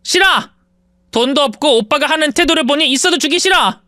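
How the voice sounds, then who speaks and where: A spoiled young sister-in-law with a high, piercing voice, as a reader puts her on. She snaps back defiantly and mocks. The audio is dry and close. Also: fairly quick, bright, forceful tone, no echo. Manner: shrill, defiant, taunting.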